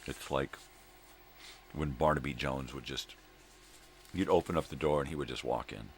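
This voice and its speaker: The host of a daily morning video log, a gravelly, extremely low-voiced middle-aged man, chats casually on his own to his audience. He rambles, halts and restarts, repeats himself, and grumbles his opinions with the occasional swear word, with noticeable background noise behind him.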